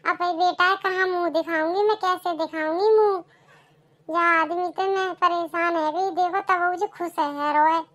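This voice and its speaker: A woman's voice: extremely high pitch, fairly even intonation, moderate pace, fairly bright tone. A woman voicing an ashamed, lamenting middle-aged village mother in a cartoon. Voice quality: complaining, lamenting. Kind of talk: cartoon dialogue.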